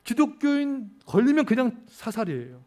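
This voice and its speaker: A middle-aged Korean man preaching a fervent sermon as pastor, repeatedly calling out to the congregation and slowing down to stress key phrases. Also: extremely high pitch, sing-song, a little mellow.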